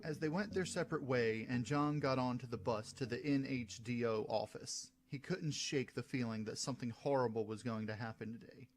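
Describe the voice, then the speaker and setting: A man narrating his own science fiction story in a steady reading voice. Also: medium pitch, normal speed, few pauses. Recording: soft music behind.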